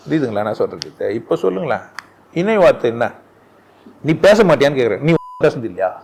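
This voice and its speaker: A man giving an informal spiritual talk at a satsang, animated and full of rhetorical questions, often laughing as he speaks. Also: mid-range voice, fast talker, gravelly, breathy edge. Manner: laughs often while talking.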